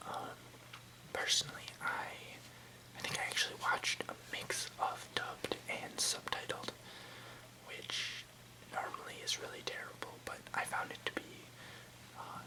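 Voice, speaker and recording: In a rough recording, a young adult hosting ASMR speaks in a breathy, soft whisper, meandering casually and taking her time with hesitant phrasing.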